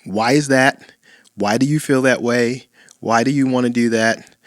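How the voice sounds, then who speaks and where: A man co-hosting a dating-coach podcast in casual chat, playful and animated, often acting out quoted lines. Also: mid-range voice, a little slow, no room sound, studio quality.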